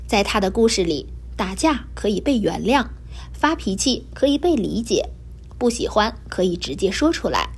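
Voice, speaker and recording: Expressive woman reading to children. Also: medium pitch, moderate pace, husky. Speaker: host of a children's learning program. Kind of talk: storytelling for children.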